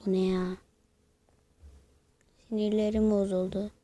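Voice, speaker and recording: A woman giving mobile gameplay commentary, excitable and talking to her viewers while she plays. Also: mid-range voice, a little slow. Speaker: gaming channel host.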